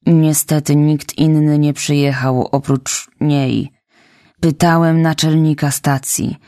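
Woman reading a quiet, resigned old farmer. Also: low voice, steady tone, no echo, studio quality. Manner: slow, resigned.

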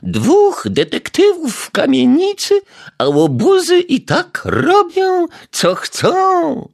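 A man voicing an irritable elderly widow neighbour in an audiobook, with a shrill, huffy, scolding falsetto. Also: huge pitch swings, slow, creaky, full character voice. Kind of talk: audiobook character voice.

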